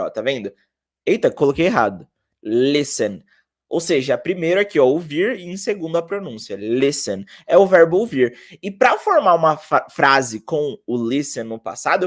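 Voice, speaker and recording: Lively chatty male language teacher. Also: fairly high pitch. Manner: chatty, direct address to viewers, slow repeated pronunciation drills. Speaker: English teacher. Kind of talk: casual video lesson.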